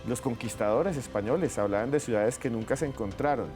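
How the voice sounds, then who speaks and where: A man's voice: medium pitch, fairly quick, a little mellow, faint music behind. A man presenting as host in a dramatic documentary style, with theatrical questions. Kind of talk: dramatic scripted show introduction, documentary-like presenting.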